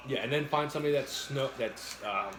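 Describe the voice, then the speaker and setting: Man, casual mukbang co-host, roomy echoey sound, halting chatty delivery, mid-range voice, mild swearing. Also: medium pitch, music in the background. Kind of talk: casual chat while eating, answering viewers.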